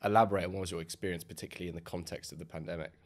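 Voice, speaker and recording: A man's voice: deep voice, steady tone, rapid-fire. A man hosting a podcast interview, with polished and upbeat introductions. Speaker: podcast host. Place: podcast studio. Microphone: boom mic on arm.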